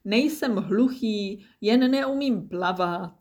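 A woman voicing a small, timid boy penguin who is cold and scared, speaking in a high, pleading voice. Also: darkish tone, natural voice.

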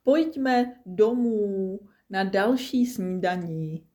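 A woman voicing a small, timid boy penguin who is cold and scared, speaking in a high, pleading voice. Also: mellow, lightly acted.

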